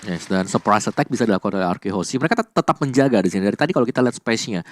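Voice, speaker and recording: A man's voice: fairly low pitch, animated, racing. A man with an Indonesian accent giving live analytical commentary on an esports match.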